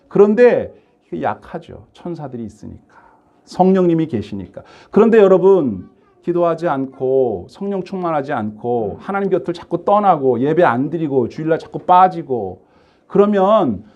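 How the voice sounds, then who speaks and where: A man's voice: a little high, dull audio. A middle-aged male pastor giving a conversational sermon, asking the congregation questions and acting out quoted speech. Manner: acts out quoted speech with sudden shifts in loudness.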